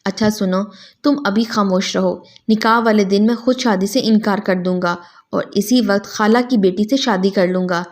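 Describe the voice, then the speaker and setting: Woman reader as a calm, kind young man, storybook style. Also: mid-range voice, natural voice. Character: kind young man, gentle, patient groom-to-be.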